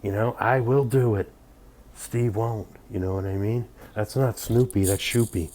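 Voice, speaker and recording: A man's voice: lowish voice, steady tone, unhurried, background noise. A man in his fifties rambling drunkenly and boastfully in a casual livestream chat. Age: 50s. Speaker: livestream host.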